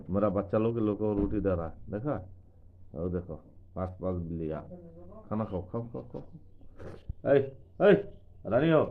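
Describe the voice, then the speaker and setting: A man talks in a loose, running commentary to his viewers, breaking off to coax and call to animals. His voice sits on the low side. The sound is thin and phone-like, with a faint hiss underneath. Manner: chatty, coaxing, calls out to animals. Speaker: vlogger. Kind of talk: casual running commentary to camera.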